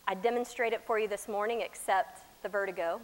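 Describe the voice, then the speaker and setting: A woman's voice: mid-range voice, steady tone. American woman preaching in an echoey hall. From Texas, United States. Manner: deliberate, emphatic phrasing with dramatic pauses and swings from loud to soft. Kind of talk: sermon to a chapel congregation. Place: large chapel, speaking to a congregation. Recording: echoey hall with long reverb.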